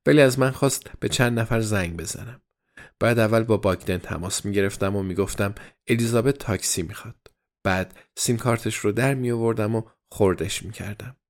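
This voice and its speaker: A man reading a story aloud as first-person diary narration, in a measured, even storytelling manner. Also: lowish voice. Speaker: audiobook narrator.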